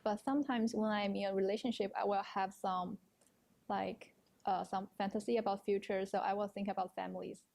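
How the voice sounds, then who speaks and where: A nineteen-year-old woman from China whose first language is Chinese, answering interview questions in a thoughtful, measured way. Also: mid-range voice, steady tone, gravelly, a little mellow. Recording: faint background noise.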